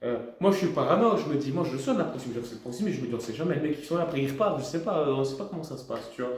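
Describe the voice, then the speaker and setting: A young man from Belgium tells a comic storytime with an exasperated, slangy rant. His voice sits a little high for a man. The sound is very roomy, with heavy echo around him. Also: very fast, slight background noise. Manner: animated, slangy, exasperated ranting. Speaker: vlogger. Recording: very echoey room.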